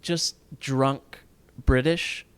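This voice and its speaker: A man's voice: mid-range voice, fairly even intonation, drawn-out words, a bit bright, clean tone. A young man co-hosting a casual podcast, joking around and reading facts aloud. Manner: joking, reads facts aloud, tries put-on accents. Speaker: podcast co-host. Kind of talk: casual chat.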